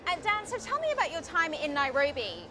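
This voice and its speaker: A woman's voice: sits high, very animated, fairly quick. A woman from Zambia hosting a live stream, chatting and asking her co-host questions in an upbeat way. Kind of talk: casual live stream chat.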